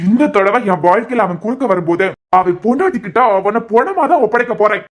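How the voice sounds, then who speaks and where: A woman's voice: medium pitch, lively intonation, quick pace, close to an everyday voice. A woman voicing a vengeful, jealous young man in a cartoon series, speaking with a Kanyakumari Tamil accent in a threatening, taunting way. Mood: menacing.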